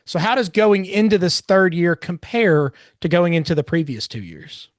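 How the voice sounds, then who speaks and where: A man hosts a podcast in a chatty, friendly way, with restarts and uhs. His voice sits fairly high for a man. The sound is dry and close to the mic. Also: normal speed, no room sound. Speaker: podcast host. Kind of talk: casual interview.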